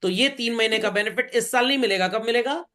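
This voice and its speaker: Very high-pitched, fast, pushed and bright, this man's voice delivers a classroom lecture on accounts. He poses questions to students and answers them himself, switching between Hindi and English and addressing listeners as bhai and children.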